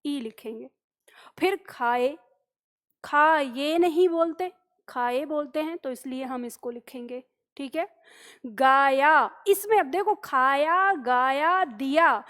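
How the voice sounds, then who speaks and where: A woman teaching a grammar lesson, patiently explaining rules, repeating example words and checking in with her students. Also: sits high.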